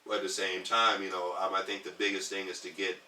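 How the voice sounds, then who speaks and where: A man in his thirties from Detroit talks earnestly as a podcast guest, his slightly low voice carrying a bright, forceful edge. He rambles through ums and restarts. He sits away from the mic in an echoey room. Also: flat delivery, quick pace, distant mic, slight background noise. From Detroit, US Midwest. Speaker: podcast guest, community organizer. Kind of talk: casual podcast conversation.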